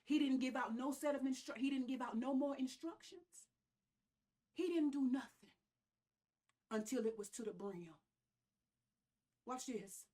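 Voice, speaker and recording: Female preacher, Southern US accent, high voice, emphatic and folksy sermon delivery with repeated phrases. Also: unhurried, pauses often, mellow. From American South. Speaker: pastor preaching. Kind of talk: church sermon.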